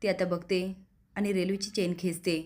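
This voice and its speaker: A woman's voice: on the low side, flat delivery, moderate pace, a little mellow. A woman recapping a TV serial episode, quoting the characters' lines as she narrates. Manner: retells scenes, quoting each character's lines in turn. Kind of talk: storytelling recap with acted dialogue.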